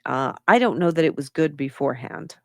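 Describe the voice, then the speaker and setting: A woman's voice: sits low, animated, fairly quick, dry recording, studio quality. A woman giving casual spoken commentary, opinionated and reasoning her points aloud step by step. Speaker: true-crime commentator.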